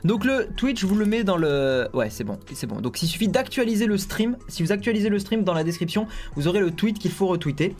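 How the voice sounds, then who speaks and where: A man's voice: high voice, expressive, brisk, hardly any pauses, darkish tone. A man hosting a casual tech live stream, chatty and joking, with many fillers and asides.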